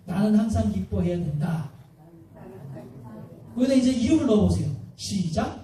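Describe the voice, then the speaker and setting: Male pastor, high voice, mellow tone, lively preaching, heavy hall echo, mic set back. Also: normal speed, a little hiss or hum. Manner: lively, keeps asking the congregation questions. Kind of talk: sermon. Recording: very echoey hall, mic at a distance.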